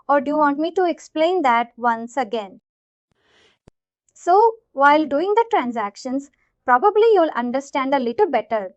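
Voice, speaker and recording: Explaining a concept to learners one step at a time, a woman software trainer repeats herself and keeps checking their understanding. Her voice sits high, and the audio has no echo but lacks high frequencies.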